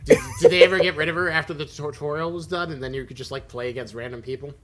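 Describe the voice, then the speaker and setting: A man's voice: on the high side, steady tone, fast talker. A man co-hosting a casual podcast, teasing and sarcastic. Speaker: podcast co-host.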